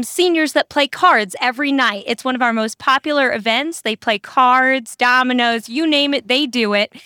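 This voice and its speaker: A woman's voice: high voice, sharp tone, clear, resonant tone, no echo, clean studio sound. A woman who is a wellness coordinator at a senior living community, talking enthusiastically as an interview guest, with frequent ums and restarts.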